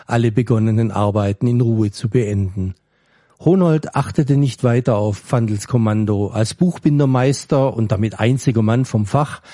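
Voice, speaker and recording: A man reading a story aloud in a calm, measured way. His voice is mellow and warm, of middle pitch. The recording is dry, with no room sound. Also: dry recording. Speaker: story reader. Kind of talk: scripted narration.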